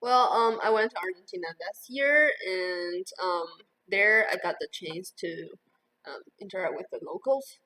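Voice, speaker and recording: A young woman in her 20s, raised in Taiwan with Mandarin Chinese as her first language, answers casual interview questions as a university student. She speaks slowly and hesitantly, with many fillers like "um" and "like." Her voice is on the low side, pushed and bright, and the recording is rough.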